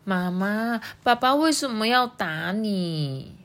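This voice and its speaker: A woman voicing a small, tearful elephant girl in a storybook, plaintive and slow. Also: mid-range voice, lively intonation, a bit bright, voice pushed up. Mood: upset. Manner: plaintive, drawn-out.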